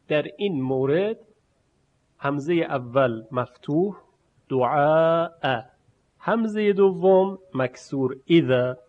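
Man teaching, slowly modeling sounds. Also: on the high side. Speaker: recitation teacher. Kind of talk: spoken lesson. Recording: muffled lo-fi recording.

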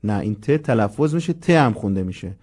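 A man teaching Quran memorization, explaining pronunciation and meaning and reciting each verse slowly to demonstrate it. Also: fairly low pitch, animated, a little mellow, slightly rough.

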